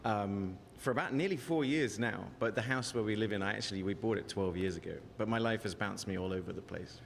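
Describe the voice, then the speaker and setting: A man in his forties with a softened English accent, chatting as a guest on a live show, self-mocking and quick to laugh at his own jokes. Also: lowish voice, gravelly, in a large hall, slight background noise. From England. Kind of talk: casual live interview.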